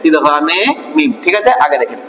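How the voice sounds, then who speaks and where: A male Quran recitation teacher with a Bangladeshi Bengali accent, drilling syllables slowly and asking and answering his own questions. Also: fairly high pitch, very animated, gravelly, pushed and bright. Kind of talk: Quran reading lesson. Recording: echoey room with long reverb.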